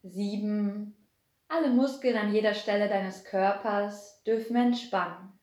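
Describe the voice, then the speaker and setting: A woman guides a meditation in a slow, steady, unhurried voice at middle pitch. She's soothing and repetitive, gently drawing out each phrase, and the recording sounds noticeably echoey and roomy.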